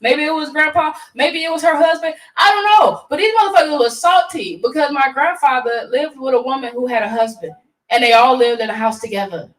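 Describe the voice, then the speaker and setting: A woman with a fairly high voice hosts a loose talk radio show, spinning stories full of cursing and slang. She sits a little back from the mic, so she sounds slightly distant. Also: a little fast. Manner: profane, animated storytelling with slang. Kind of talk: casual talk radio chat. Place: radio studio.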